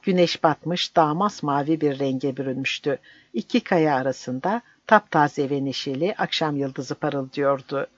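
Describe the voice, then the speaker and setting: Guy reading a story aloud, slightly higher voice, flat dull audio. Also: measured pace, no room sound. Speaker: narrator. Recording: dull dry lo-fi recording.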